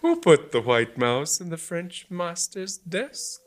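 A man voicing a hot-tempered elderly vicar who squabbles like a schoolboy, in a shrill tone. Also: wildly swooping pitch, slow pace, slight background noise, heavily acted. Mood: indignant.

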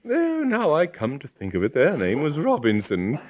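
A man's voice: a little high, huge pitch swings, normal speed, noisy background, pitched above the performer's own voice. A man voicing a gracious, polite elderly bishop's wife who gushes.

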